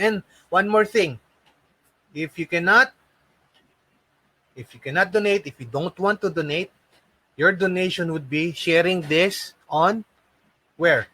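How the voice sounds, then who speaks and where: A man from the Philippines with a Filipino accent runs a live online lesson as an English and call center trainer. His voice is a little high and sharp, a bit slow, with frequent pauses, and there is no echo. He encourages learners by repeating his points and posing rhetorical questions.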